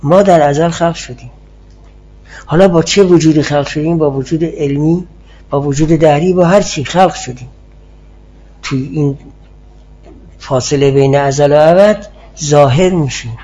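A man's voice: fairly high pitch, long pauses, mellow, husky. A man teaching a class on philosophy and theology, explaining step by step and answering students' questions. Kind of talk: classroom lecture. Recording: muffled lo-fi class recording.

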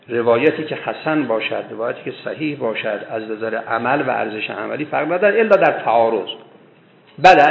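A man's voice: medium pitch, gravelly. A man giving a scholarly religious lecture on hadith, talking with emphatic bursts where his voice rises. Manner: emphatic, voice rising in bursts for stress. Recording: echoey, tinny phone-like sound.

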